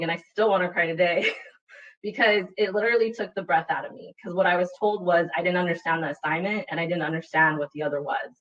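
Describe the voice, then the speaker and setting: A woman's voice: fairly low pitch, a bit bright. A woman from Utah, a panelist telling a personal story in a webinar, earnest and reflective, often checking in with "right?". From Utah, USA. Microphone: video call computer mic. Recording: dull, distant webinar audio.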